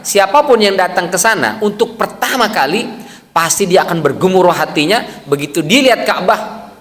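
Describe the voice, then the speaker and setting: A man's voice: fairly high pitch, fairly bright tone. A man giving an after-dawn mosque sermon, telling anecdotes in a humorous, conversational way. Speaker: Islamic preacher. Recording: long mosque reverb.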